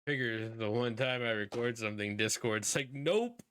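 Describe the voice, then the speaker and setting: Smooth-voiced man chatting on a podcast. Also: fairly low pitch, little pitch movement, moderate pace, fairly bright tone, no echo. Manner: rambling, filler-heavy talk. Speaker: podcast host. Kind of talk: casual podcast chat. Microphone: computer mic on a voice call.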